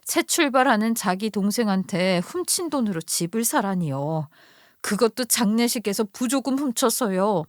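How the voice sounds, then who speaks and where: A woman's voice: mid-range voice, a little mellow, dry recording, clean studio sound, natural voice. A woman voicing a young man who is engaged to her husband's sister, speaking in a firm, formal and disapproving way.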